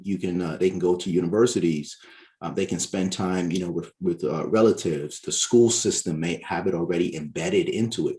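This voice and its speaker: Deep voiced guy from barbados on a podcast, explains stuff slowly, keeps saying right?. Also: darkish tone. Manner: measured, explanatory, often ends points with "right?". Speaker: author and guest. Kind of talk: podcast interview.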